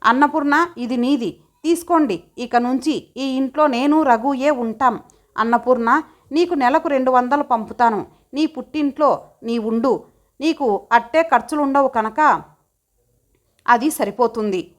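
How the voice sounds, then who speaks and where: A woman's voice: high voice, measured pace. Woman reader doing a stern elderly household head, scolding and curt, for an audio story. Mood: commanding. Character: stern older husband and father-in-law, commanding.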